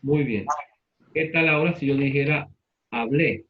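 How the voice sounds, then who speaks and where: A man's voice: medium pitch, unhurried, narrow, tinny audio, a little hiss or hum. A man teaching a class, repeating students' answers and asking them questions in turn. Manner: patient, repeats answers back and asks questions.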